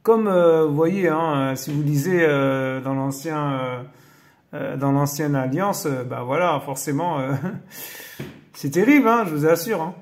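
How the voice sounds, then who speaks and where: Male host, fairly high voice, reads aloud and keeps interrupting himself with awed exclamations. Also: a little slow. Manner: interrupts his reading with amazed exclamations; hesitant, many fillers when explaining. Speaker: Bible-teaching video host. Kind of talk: casual religious commentary reading aloud.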